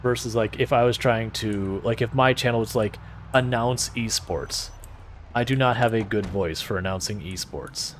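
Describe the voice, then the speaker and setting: This soothing-voiced man streams games and talks loosely with his audience, rambling in a relaxed way and frequently starting sentences over. His voice is lowish, with slight background noise.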